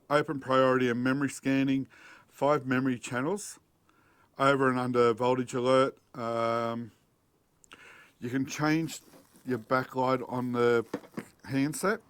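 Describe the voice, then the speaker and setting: A smooth, mid-range male voice with no room sound belongs to a middle-aged Australian who runs a DIY four-wheel-drive channel. Casual and matter-of-fact, he unboxes and installs a product, working outdoors in a backyard before moving into a car cabin.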